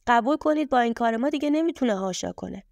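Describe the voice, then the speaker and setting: A woman's voice: on the high side, expressive, gravelly, a little mellow, no echo, lo-fi sound. Female narrator voicing a pushy young friend in a storybook, pleading, dry close sound. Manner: pleading, insistent.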